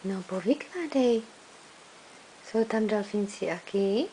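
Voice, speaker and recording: A woman's voice: mid-range voice, lively intonation, mellow, slight background noise. A woman talking baby talk to an infant, coaxing him with sing-song questions.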